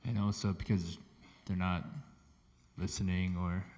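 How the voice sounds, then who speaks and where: A man's voice: low-pitched, level tone, unhurried, a little mellow. A man from the audience, a schoolteacher, answering questions hesitantly and searching for words. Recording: long reverb of a lecture hall.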